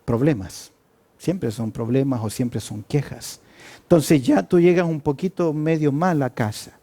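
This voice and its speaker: Male pastor, sermon delivery, answers his own questions, warm mellow tone. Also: mid-range voice, measured pace. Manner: rhetorical questions answered himself, frequent fillers; lively preaching with sudden loud emphasis.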